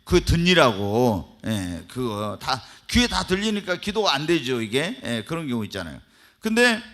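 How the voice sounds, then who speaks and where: A male pastor preaching a sermon, asking the congregation questions and swinging between hushed and loud. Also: medium pitch, vocal fry. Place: church.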